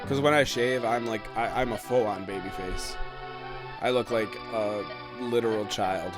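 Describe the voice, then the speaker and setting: A man's voice: lowish voice, fairly even intonation, moderate pace. A man in his twenties giving casual gameplay commentary at home, rambling with lots of ums and uhs. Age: 20s. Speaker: let's play host. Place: at home during quarantine. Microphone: webcam setup. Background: game music.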